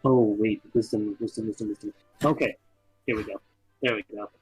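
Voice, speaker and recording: A man's voice: lowish voice, steady tone, fairly quick, breathy edge, soft background music, rough recording. A man chatting casually as a player in a tabletop fantasy game.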